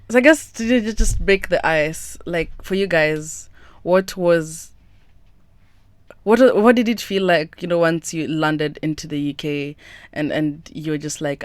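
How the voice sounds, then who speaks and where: A young woman from Kenya hosts a casual podcast with a slightly low voice. She talks in a chatty, rambling way and breaks into laughter often. The sound is dry and close. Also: no echo. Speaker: podcast host.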